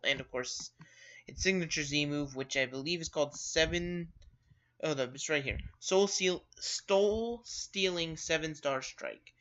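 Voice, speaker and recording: A man's voice: a little high, sharp tone. A man hosting a casual gaming news show, rambling with lots of fillers and self-corrections. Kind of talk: casual video-game news commentary. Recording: dull lo-fi sound.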